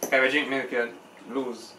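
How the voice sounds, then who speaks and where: A man's voice: mid-range voice, level tone, unhurried. A man chatting casually as a participant in a vlog challenge. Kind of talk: casual chat. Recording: echoey room, far mic, clear noise.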